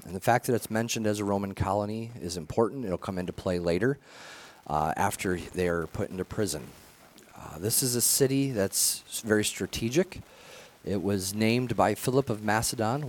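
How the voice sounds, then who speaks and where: A man with a somewhat low voice delivers a conversational sermon as a pastor. He talks earnestly, often restarting phrases and dropping in casual fillers as he teaches.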